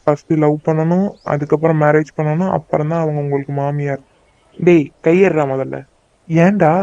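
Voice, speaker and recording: A man's voice: a little high, fairly even intonation, moderate pace, mellow, smooth, no echo, highs cut off, close to an everyday voice. A man voicing a young man bantering with a friend in a cartoon. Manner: banter, joking. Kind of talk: cartoon dubbing.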